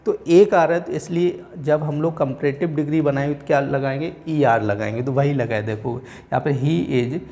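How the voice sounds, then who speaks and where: A man teaching English grammar in a Hindi-language class, with an Indian accent, who keeps repeating "theek hai" and slows down to read example sentences word by word. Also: on the high side, fairly even intonation, mellow. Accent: Indian English, Hindi-speaking. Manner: repeats "theek hai" and "aap log dhyan rakhen" often.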